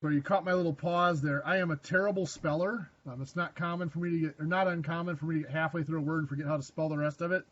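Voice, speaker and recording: A man with a rather high voice teaches a math class, quizzing the students and slipping in dry, self-mocking jokes. The classroom recording sounds a little dull and lo-fi. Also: fairly even intonation, quick pace, few pauses, a bit bright. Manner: dry joking asides, self-deprecating; asks the class questions. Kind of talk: classroom lecture.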